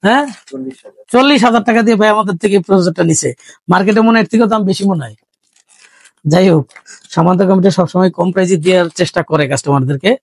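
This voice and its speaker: A man's voice: high-pitched, fast talker, pauses often, no echo. A man casually walking through the parts of a gaming PC build, chatty and explaining as he goes, mixing in English tech terms. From Bangladesh. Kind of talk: casual hardware walkthrough.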